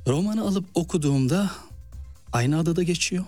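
A man's voice: fairly high pitch, normal speed, dry recording, faint music behind. A man from eastern Turkey with an eastern Turkish accent, a novelist and actor telling stories in an interview and acting out quoted speech. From Malatya, eastern Turkey. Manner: animated storyteller, acts out quoted speech. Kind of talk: interview storytelling.

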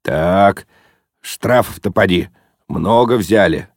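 A man voicing a grumpy old father with a bandaged head who talks gruffly, sighing and groaning. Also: sits low, slow, dry recording, studio quality, exaggerated voice.

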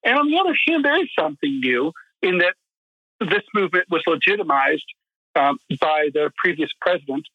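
A man's voice: on the high side, expressive, brisk, dry recording, highs cut off. A man speaking as a guest on a radio interview, thoughtful and full of ums and uhs. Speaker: guest commentator.

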